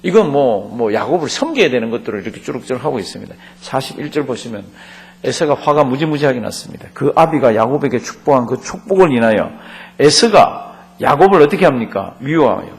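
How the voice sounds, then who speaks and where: A man's voice: medium pitch, animated, a little fast. A man, a pastor, teaching a Bible study class, reading verses aloud and explaining them conversationally while asking the class questions. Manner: asks the class questions and leads group reading.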